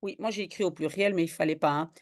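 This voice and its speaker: A woman's voice: fairly low pitch, fast talker. A woman tutoring a student in French spelling, patiently explaining each word step by step. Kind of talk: one-on-one spelling lesson.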